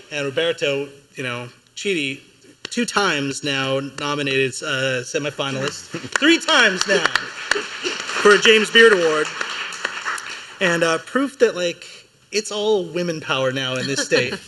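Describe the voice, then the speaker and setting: Bright casual man on a panel. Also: a little high, a little hiss or hum, poor audio. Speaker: chef on a panel. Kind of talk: panel talk. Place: museum event hall.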